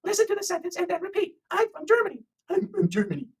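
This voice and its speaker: A man's voice: very high voice, sing-song, recorded from a distance, voice pushed up. A man putting on a strict woman teacher. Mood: crisp. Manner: slow, precise classroom commands. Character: his wife as a strict woman English instructor.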